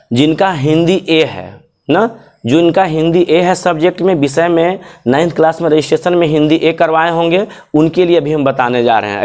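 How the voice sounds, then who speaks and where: Fairly high-voiced teacher. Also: male voice, a little mellow. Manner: repetitive, checks if students follow. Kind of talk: explaining a syllabus to students.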